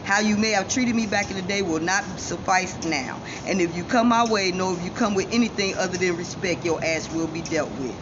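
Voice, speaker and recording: Barely pausing, a woman with a lowish voice talks a little fast through a defiant, self-assured monologue aimed straight at viewers. She is a vlogger from Chicago, United States, her speech shaped by missing front teeth, in a dull lo-fi recording with loud ambient noise.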